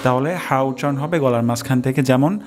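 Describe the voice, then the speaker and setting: A man teaching recitation pronunciation in a slow, careful lesson, repeating each sound to demonstrate it. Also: medium pitch.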